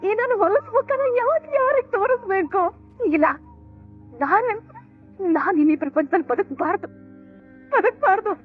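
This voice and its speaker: A woman's voice: very high voice, animated, moderate pace, long pauses. An actress playing a grieving middle-aged mother in a TV serial, speaking in anguished, lamenting speeches. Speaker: mother of a son accused of theft. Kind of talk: TV serial acting. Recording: tinny lo-fi TV audio with music.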